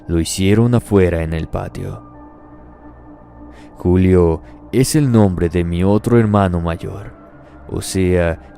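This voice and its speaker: A man reading a horror story aloud in a steady, measured first-person telling as the channel's narrator. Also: deep voice, creaky.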